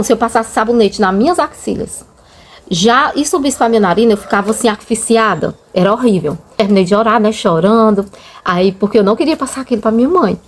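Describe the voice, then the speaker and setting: A Brazilian woman with a slightly high voice speaks over a bit of background noise, her Brazilian Portuguese accent clear. A channel host and mother, she tells viewers her faith testimony in a casual, storytelling way, emotional and earnest, often calling them "gente."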